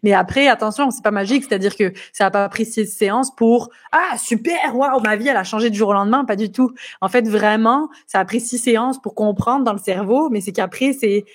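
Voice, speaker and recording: A woman's voice: medium pitch, brisk, hardly any pauses. Chatty French woman, slight Quebec lilt. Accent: French with a light Quebec touch. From France. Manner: lively, chatty, many fillers. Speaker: guest. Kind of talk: casual interview chat. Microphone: computer for a live online interview.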